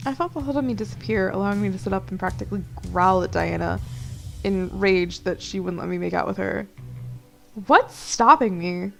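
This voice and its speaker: Gravelly-voiced young woman playing a game. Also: medium pitch, brisk, soft background music. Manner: playful, giggly, swears, breaks into asides. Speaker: let's play host. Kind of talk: reading a visual novel aloud with commentary.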